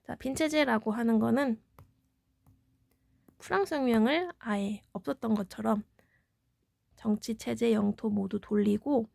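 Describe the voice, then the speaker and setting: A woman's voice: on the high side, a little slow, creaky, pauses often, a little mellow, no echo. A woman teaching a middle school history exam review, explaining step by step and answering her own questions. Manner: explanatory, poses questions then answers them.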